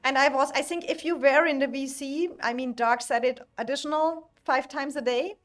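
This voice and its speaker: Woman speaking halting non-native English. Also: high voice, faint music behind. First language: not English. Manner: halting, searching for words as if translating in head, non-native phrasing. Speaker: livestream host and alliance member. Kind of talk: casual livestream chat about a strategy game.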